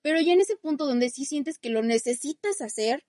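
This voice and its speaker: A woman's voice: high voice, expressive, moderate pace, mellow, no room sound, clean studio sound. A young woman, co-hosting a podcast in casual chat, speaking earnestly and giving advice straight to listeners. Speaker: podcast co-host.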